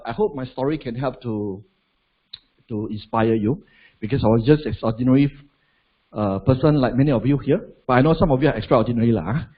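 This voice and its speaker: A husky, medium-pitched man in his forties with a Malaysian English accent delivers a live seminar talk as a motivational business speaker. Chatty in manner, he tosses rhetorical questions at the audience and drops in "lah" and "right?" The sound is dull and lo-fi, like a stage mic in a hall.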